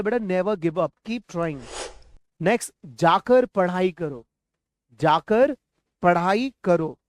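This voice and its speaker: Male English tutor, high voice, dry close sound, coaxing drill style. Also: no room sound. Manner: coaxing, slows down sharply for English phrases. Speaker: spoken English teacher. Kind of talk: energetic classroom-style lesson, drilling phrases for repetition.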